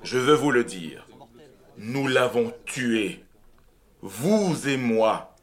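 Un homme qui lit à voix haute et incarne un fou exalté qui crie sur la place, d'un ton fervent et déclamatoire. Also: male voice, medium pitch, expressive, very slow, voice pushed up. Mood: anguished. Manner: declaiming, fervent. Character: frantic madman crying out in the marketplace.

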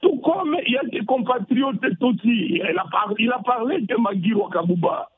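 A man from North Kivu, a member of parliament speaking in a measured, firm way in a radio debate. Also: very high voice, lively intonation, crowd noise. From North Kivu, DR Congo. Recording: dry tinny phone line.

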